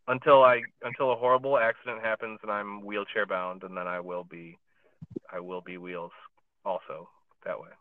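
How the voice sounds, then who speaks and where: A male podcast co-host with a lowish voice and little pitch movement talks at a normal speed. He rambles casually from his parked car, using many fillers and restarts. The audio has no room sound but comes across tinny, recorded on a phone through a podcast app.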